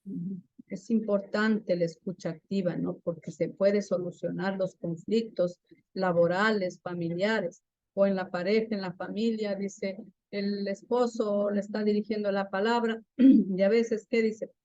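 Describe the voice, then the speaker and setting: In this muffled recording with no room sound, a woman teaches a classroom lesson on active listening in a medium-pitched, slightly mellow voice. Her pace is measured and her intonation fairly even. She keeps putting questions to the class and frequently adds "¿no?" to her points.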